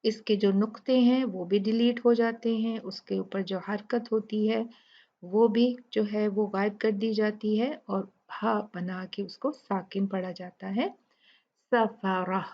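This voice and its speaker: A woman with an Urdu accent teaching Quran recitation rules, explaining each rule step by step and then reciting the words slowly. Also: mid-range voice, fairly even intonation, muffled recording. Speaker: tajweed teacher.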